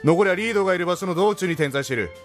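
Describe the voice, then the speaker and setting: A man voicing a mysterious male cat that hands out a quest, speaking slowly and solemnly in old-fashioned phrasing. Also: sits high, expressive, faint music behind, pitched below the performer's own voice.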